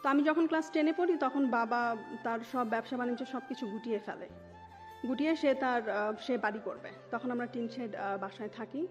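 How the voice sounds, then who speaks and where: A woman in her thirties with a Dhaka Bangladeshi accent shares her life story as an interview guest, slipping English words into her Bengali. Her voice is a little high and moves at a moderate pace. The recording sounds dull and muffled, with music playing underneath.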